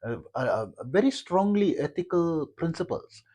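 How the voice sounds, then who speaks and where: A man with a South African accent talks through spiritual ideas without a script. His pitch moves about in a lively way, and he rambles with many "uh"s and restarted phrases. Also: moderate pace. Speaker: yoga teacher. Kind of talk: unscripted spiritual talk.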